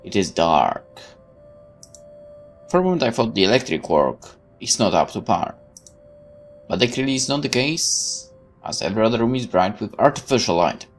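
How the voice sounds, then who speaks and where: With music in the background, a let's play host reads the game's text out loud, stumbling and tossing in asides. His lowish voice is very animated, at a moderate pace with frequent pauses.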